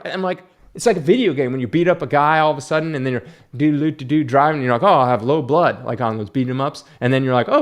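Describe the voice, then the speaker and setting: Male reviewer, fairly high voice, exasperated and mocking, casual ranting delivery. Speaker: film reviewer.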